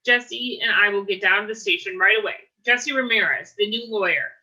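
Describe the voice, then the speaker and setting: A woman reading aloud, voicing a chirpy, lively young woman at an office desk. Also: medium pitch, normal speed, low-quality recording. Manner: chirpy, flustered.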